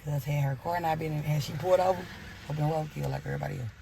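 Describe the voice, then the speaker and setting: A woman's voice: sits low, steady tone, very fast, creaky, dark tone, a little hiss or hum. A woman telling a personal story in a blunt, profane way, acting out her own angry outbursts as she goes.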